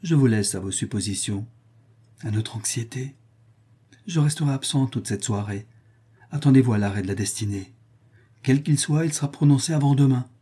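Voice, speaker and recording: A man's voice: mid-range voice, moderate pace, long pauses, dark tone, slightly rough, close to an everyday voice. A man reading the part of a solemn, secretive young nobleman who speaks with restrained resolve. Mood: grave. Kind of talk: audiobook character voice.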